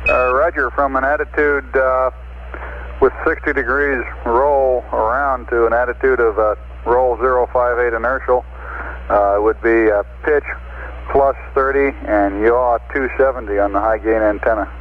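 A man's voice: mid-range voice, fairly even intonation, normal speed. A man working as a mission control radio communicator, speaking in clipped military-style procedure over a crackly radio. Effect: radio transmission. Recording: narrow, very noisy crackly radio link.

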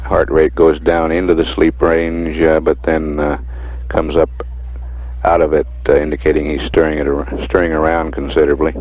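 A man giving measured mission status commentary over a radio transmission, pausing often on fillers. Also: very deep voice, level tone, no echo. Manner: measured, with frequent hesitant fillers. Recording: muffled archival radio recording.

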